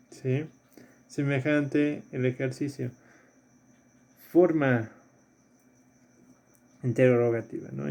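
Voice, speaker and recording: Un hombre, profesor de filosofía, da una clase a distancia y repasa ejercicios paso a paso. Repite los términos clave y pregunta "¿sí?" a menudo. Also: male voice, medium pitch, warm tone. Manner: explains step by step, repeats key terms, checks in with "¿sí?". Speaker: philosophy teacher. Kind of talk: recorded remote lesson reviewing exercises.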